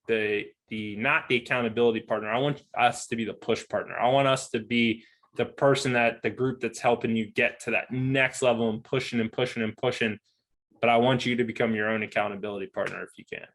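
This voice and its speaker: A man's voice: medium pitch, fairly bright tone. A man leading a real estate team, giving an earnest motivational talk on a podcast, often restarting his sentences. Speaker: brokerage leader, podcast co-host.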